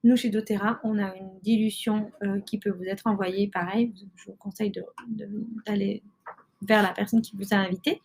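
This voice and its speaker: A woman's voice: medium pitch, level tone, moderate pace, a little mellow, a little hiss or hum. Hesitant woman explaining. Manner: hesitant, many fillers and restarts. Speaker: podcast host and mother. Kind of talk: casual explanatory talk.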